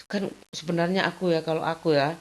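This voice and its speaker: A middle-aged woman speaks in a low voice in a casual daily vlog. She rambles from thought to thought, laughing softly between them. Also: fairly even intonation, brisk. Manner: rambling, chatty, often tags sentences with a filler phrase. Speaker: vlogger.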